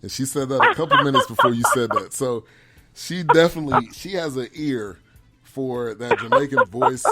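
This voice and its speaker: A man's voice: mid-range voice, huge pitch swings, normal speed, loud music behind the voice. A man hosting a casual interview show, friendly, with loose phrasing and frequent repeats. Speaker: show host.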